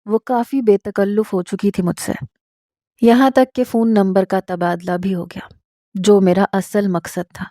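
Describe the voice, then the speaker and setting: Mellow woman narrating a love story. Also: medium pitch, fairly even intonation, dry recording, studio quality. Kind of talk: scripted first-person narration.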